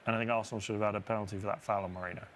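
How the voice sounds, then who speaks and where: Excitable man reacting on a football watchalong. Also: fairly low pitch, very fast, slight background noise. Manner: excitable reactions, playfully argumentative. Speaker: co-host pundit. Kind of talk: live watchalong commentary.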